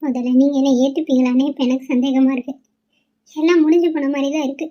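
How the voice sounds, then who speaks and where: A woman's voice: high voice, steady tone, fast, warm tone, lo-fi sound, lightly acted. A woman voicing a heartbroken young newlywed wife in a cartoon, speaking in a tearful, pleading way. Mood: grieving. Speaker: cartoon character voice. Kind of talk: cartoon voice acting.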